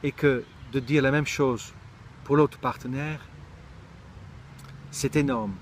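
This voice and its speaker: A man's voice: medium pitch, steady tone, slow pace, a little hiss or hum. A middle-aged man from Israel giving a reflective monologue, thoughtful and searching for words, often restarting his sentences. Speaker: speaker sharing personal reflections.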